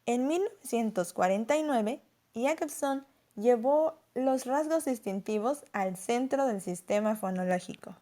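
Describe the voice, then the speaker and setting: A woman narrating a scripted lesson as a teacher, explaining clearly and slowing down to stress example words. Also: a little high, animated, warm tone.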